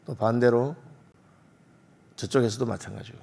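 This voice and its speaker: A man's voice: mid-range voice, normal speed, vocal fry, darkish tone, slightly rough, in a large hall. A male pastor preaching an early-morning sermon in a church sanctuary, talking conversationally with rhetorical questions and small filler sounds.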